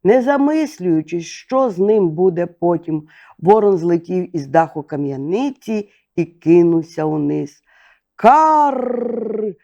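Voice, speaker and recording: An older woman reading a fairy tale aloud as a bedtime storyteller, slow, gentle and expressive. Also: lowish voice, muffled recording.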